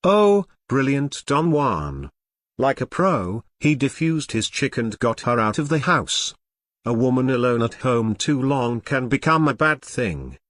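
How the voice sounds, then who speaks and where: A man reading an audiobook aloud in a wry, mock-grandiose way, with dramatic pauses, close to the mic. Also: mid-range voice, animated, a bit bright, dry recording. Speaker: audiobook narrator. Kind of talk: scripted narration.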